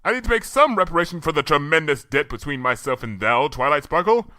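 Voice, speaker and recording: A man puts on a loud, regal pony princess from a storybook, lifting his voice high and bright. She declares everything in grand archaic phrasing, with little patience. The sound is close and dry. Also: expressive, fast, dry recording. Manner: archaic, booming proclamations.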